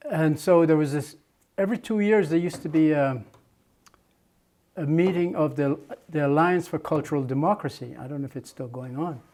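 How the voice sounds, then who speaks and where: A man's voice: on the high side, normal speed, darkish tone. An older man from Jamaica, a muralist, recalling his past at length in an oral history interview, with many restarts and fillers.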